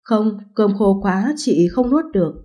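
A woman doing a sad, gentle young village wife. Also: medium pitch, animated, unhurried. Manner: soft and choked.

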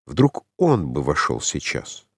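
A man reading the lines of a timid, tame young lover in an audiobook, quietly and hesitantly. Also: a bass voice, huge pitch swings, takes it slowly, creaky, husky, no room sound, clean studio sound, voice pushed down, exaggerated voice. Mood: playful.

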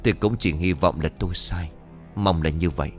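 A man voicing a stern old male spirit master who speaks gravely of bad omens. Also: low voice, faint music behind, pitched below the performer's own voice, natural voice. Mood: somber. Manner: grave, slow and foreboding.

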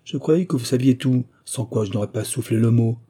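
A man's voice: medium pitch, a little fast, warm tone, husky, lightly acted. A man voicing a sly gossiping lackey. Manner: knowing and teasing.

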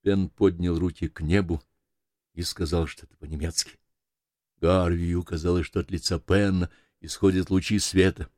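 A man narrating an audiobook in an even, measured reading voice. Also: low voice, no room sound, clean studio sound. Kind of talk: scripted narration.

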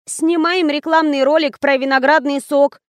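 A woman voicing a sulky young actress who squeaks and whines back at her director. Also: steady tone, moderate pace, no echo, natural voice. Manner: squeaky, whiny.

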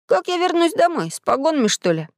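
A woman's voice: high voice, very animated, brisk, fairly bright tone, no room sound, studio quality, pitched above the performer's own voice, heavily acted. A woman reading an audiobook, voicing a curious, unsure young boy in a raised voice. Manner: wondering, unsure.

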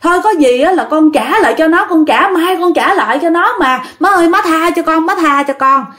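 Woman doing a shrill desperate middle-aged man. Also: expressive, a little fast, fairly bright tone. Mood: desperate begging. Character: frightened, angry middle-aged man threatening then begging his dead mother.

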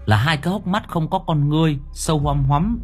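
A man narrating a spooky audiobook story in an expressive, vivid way. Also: a little high, a little fast, soft background music. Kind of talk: dramatic horror story narration.

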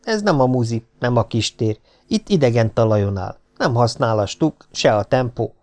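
A man narrating an audiobook with an animated, expressive reading. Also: mid-range voice.

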